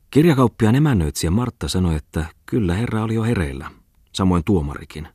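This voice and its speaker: A man reading a novel aloud as an audiobook, in measured storytelling narration. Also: low-pitched, darkish tone, breathy edge, dry recording, studio quality. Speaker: audiobook reader.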